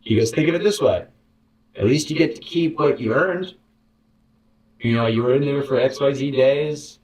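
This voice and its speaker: A man's voice: mid-range voice, normal speed, a little mellow. A man recounting a bitter experience as an interview guest, rambling and sarcastic. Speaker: interview guest, former contestant. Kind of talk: candid storytelling. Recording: roomy, distant mic.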